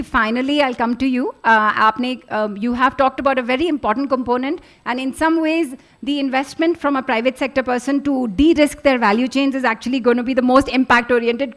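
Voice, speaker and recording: Brief: woman as panel moderator, fairly high-pitched, polite, halting with fillers. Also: fairly even intonation. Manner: hesitant, many fillers, polite.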